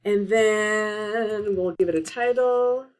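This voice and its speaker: A woman's voice: mid-range voice, takes it slowly. A woman teacher-librarian giving a casual tutorial, talking through steps on her laptop with frequent fillers, recorded on the laptop microphone. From Oregon. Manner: casual, filler-heavy instruction. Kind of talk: screen-share tutorial.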